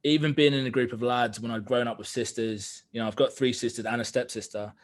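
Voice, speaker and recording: A man's voice: mid-range voice, fairly even intonation, fast. Earnest man recounting a story. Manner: candid and earnest, many fillers. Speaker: podcast guest. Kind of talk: reflective storytelling in conversation.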